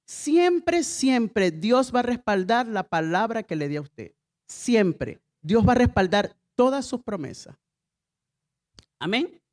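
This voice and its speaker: A woman's voice: mid-range voice, animated, moderate pace, darkish tone. A middle-aged woman pastor preaching a sermon with emphatic repeated refrains and call-and-response to the congregation.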